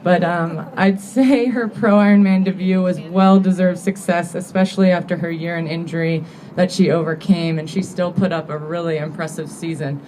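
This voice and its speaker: A woman's voice: fairly low pitch, steady tone, warm tone, a little hiss or hum, low-quality recording. Teary, grateful woman giving a thank-you speech. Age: 30s. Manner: earnest, grateful, gets teary and halting. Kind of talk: emotional acceptance speech. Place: banquet hall with an audience.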